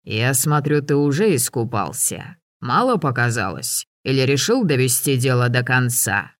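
A man voicing a gruff, sardonic old hunter who barks orders and teases. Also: medium pitch, animated, normal speed, a bit bright, no echo, clean studio sound. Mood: gruff mocking.

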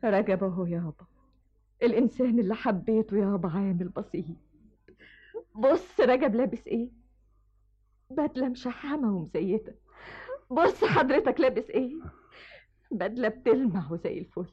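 A woman's voice: on the high side, lively intonation, normal speed, pauses often, mellow, breathy edge. An actress playing a defiant, bitter young orphan girl with an Egyptian accent, accusing her father in an old radio drama. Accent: Egyptian Arabic. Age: young adult. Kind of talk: 1970s radio drama acting. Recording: dull old radio recording.

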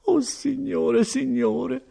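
A man voicing a distraught middle-aged village mother who laments and pleads in high exclamations. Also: lively intonation, moderate pace, mellow. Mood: tearful.

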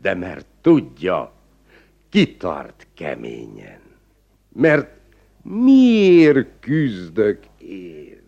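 Pompous radio-play magistrate, gravel in the voice, somewhat high, lively swings. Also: male voice, muffled recording, exaggerated voice. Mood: weary, self-pitying. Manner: pompous, blustering, flares into shouting. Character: pompous, self-important small-town magistrate, man. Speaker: village magistrate. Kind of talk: 1950s radio play acting.

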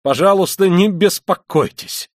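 A man reading an audiobook, voicing a feverish, proud young male student who talks in tense, loud outbursts. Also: lowish voice, sing-song, normal speed, dry recording, clean studio sound. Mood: agitated.

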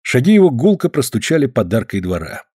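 Husky, expressive male audiobook narrator. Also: medium pitch, fairly quick, no echo, clean studio sound. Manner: expressive reading, voices each character. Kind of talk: audiobook narration of a crime story.

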